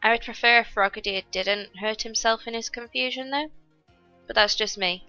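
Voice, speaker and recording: Her voice sits on the high side, pushed and bright yet smooth, at normal speed, with lo-fi sound and faint music behind. The young woman, recovering from a cold, gives casual gameplay commentary on her YouTube channel, walking viewers through every step.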